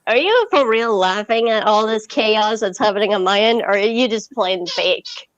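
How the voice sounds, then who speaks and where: A woman's voice: mid-range voice, moderate pace, muffled recording. A woman streamer in casual live-stream chat, playful and cooing at her dogs.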